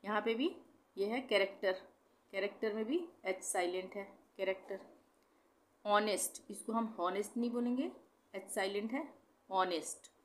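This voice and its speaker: A medium-pitched woman who speaks Hindi runs an English pronunciation lesson in a classroom style. She goes letter by letter through words, says them again slowly, and corrects herself when she slips.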